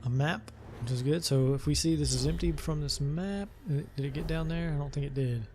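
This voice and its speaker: A man hosts a let's play, chatting casually over game music and thinking aloud with many hesitations as he plays. His voice is fairly high, brisk and a little mellow.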